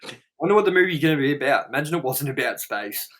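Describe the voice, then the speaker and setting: Over background noise, a young man with a high-leaning, expressive voice talks fast as he co-hosts a movie review show. Reading out trivia in casual chat, he rambles bluntly, cusses, and leans heavily on "like."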